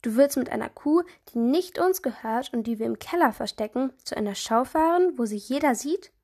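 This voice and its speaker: A woman reading aloud, voicing a doubtful, sharp-tongued young girl from a storybook. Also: high-pitched, expressive, moderate pace. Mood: skeptical. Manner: dry and doubtful.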